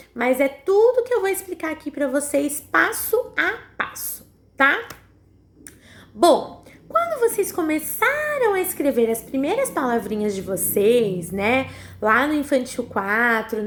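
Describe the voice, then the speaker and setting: A high-pitched primary school teacher with a Brazilian Portuguese accent leads a recorded lesson for young children. She patiently sounds out words syllable by syllable and keeps checking in with the class.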